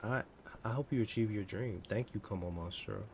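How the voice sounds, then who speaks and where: A man's voice: fairly low pitch, normal speed, vocal fry. A man in his thirties livestreaming while he codes, thinking aloud in half-finished, muttered phrases. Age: 30s. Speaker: coding livestreamer. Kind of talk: casual livestream chat while coding. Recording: steady background noise.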